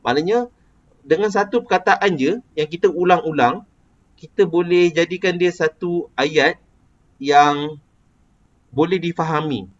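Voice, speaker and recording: A man's voice: fairly high pitch, unhurried, pauses often. A man with a Malaysian Malay accent teaching a casual lesson, explaining patiently and quizzing a student. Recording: dull lo-fi recording.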